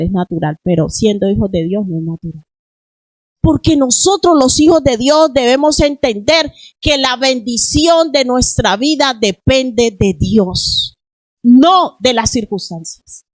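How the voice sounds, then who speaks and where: A woman's voice: a little high, expressive, unhurried, dry recording, rough recording. A middle-aged woman pastor preaching a sermon in church, asking the congregation question after question. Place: church in Spain.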